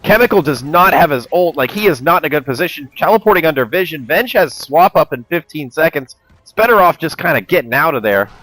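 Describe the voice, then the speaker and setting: A man doing live play-by-play esports commentary, excitable, with his voice climbing as the action builds. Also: a little high, a little fast, few pauses, low-quality recording.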